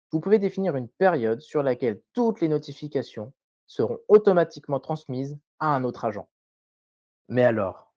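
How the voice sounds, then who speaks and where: A man presenting a scripted tutorial voice-over in a measured, didactic way, carefully enunciated. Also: medium pitch, a little mellow, no room sound, highs cut off.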